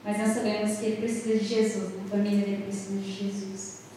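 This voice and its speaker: A woman's voice: medium pitch, monotone, fast talker, mellow. Young woman testifying in an echoey hall. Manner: earnest, retelling dialogue with prayerful pleas. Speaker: church sister giving testimony. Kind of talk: testimony at a prayer service. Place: church hall. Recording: echoey hall from far off, faint noise.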